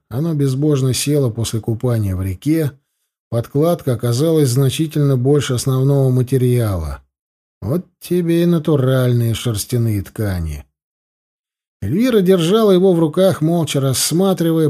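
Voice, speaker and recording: A man reading a first-person audiobook with wry, expressive storytelling. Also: mid-range voice, moderate pace. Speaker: audiobook narrator.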